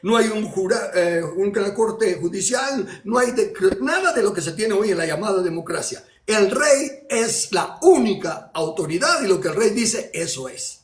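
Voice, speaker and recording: A man's voice: high voice, lively intonation, moderate pace, hardly any pauses, echoey room. A man preaching a sermon, emphatic and full of rhetorical questions and repetitions.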